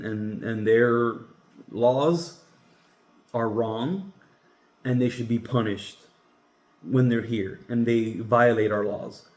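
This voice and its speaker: In a roomy, echoing space, a podcast host from Cuba talks through his views in a relaxed but forceful way, often breaking off and picking back up. He has a mid-range voice with a somewhat dark tone.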